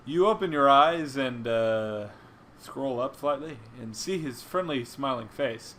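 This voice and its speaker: Bright-voiced man reading mockingly. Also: medium pitch, animated, unhurried, slight background noise. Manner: sarcastic, breaks off to laugh and comment. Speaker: podcast co-host reading a story aloud. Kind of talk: casual mocking read-aloud commentary.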